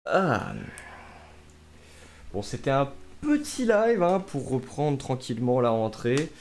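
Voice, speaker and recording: A man's voice: mid-range voice, big pitch swings, takes it slowly, a little mellow, a little hiss or hum. A man, giving casual commentary on a gaming livestream. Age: 20s. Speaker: game streamer. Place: small room at home. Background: music.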